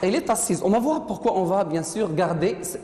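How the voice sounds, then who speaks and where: A woman's voice: medium pitch, animated, fairly quick, dark tone. A woman teacher leading a French literature lesson in a classroom, patiently repeating her pupils' answers. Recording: echoey classroom, noisy, from a distance.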